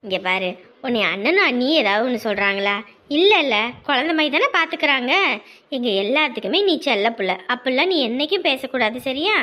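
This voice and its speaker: A woman's voice: sits high, animated, fairly quick, pushed and bright. An actress playing a caring older sister-in-law who scolds and soothes a young girl. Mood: soothing.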